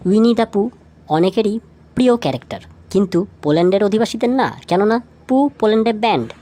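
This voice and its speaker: As lead narrator of a feature video, a woman with a medium-pitched, dark-toned voice moves briskly through a scripted, light trivia piece, speaking straight to the listener and tossing out rhetorical questions.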